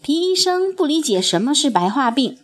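Expressive woman storyteller. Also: sits high, moderate pace, soft background music. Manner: expressive, sing-song storytelling. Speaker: children's story narrator. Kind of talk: scripted storybook narration.

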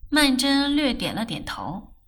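A woman reads a novel aloud in a measured, unhurried way, her voice bright and clear. Her pitch moves expressively from phrase to phrase, and she never rushes a sentence. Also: big pitch swings. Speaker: audiobook narrator. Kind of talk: novel reading.

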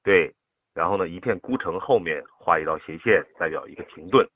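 Low husky man teaching by phone. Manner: patient, demonstrates with slow drawn-out words. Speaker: poetry recitation teacher. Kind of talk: coaching a child's poem recitation by phone. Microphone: phone call. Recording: tinny phone line.

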